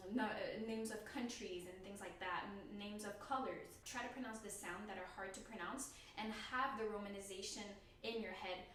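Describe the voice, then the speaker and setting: A woman's voice: medium pitch, fairly bright tone, heavy reverb, distant mic, slight background noise. A woman vlogger talking casually about learning to pronounce a language, laughing often and restarting her sentences; her first language is an Indo-European one. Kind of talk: casual talk to camera.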